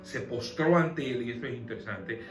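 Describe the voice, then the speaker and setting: A man's voice: mid-range voice, moderate pace. A man leading a conversational Bible study, explaining the passage and posing questions to his listeners. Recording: echoey room with soft music behind.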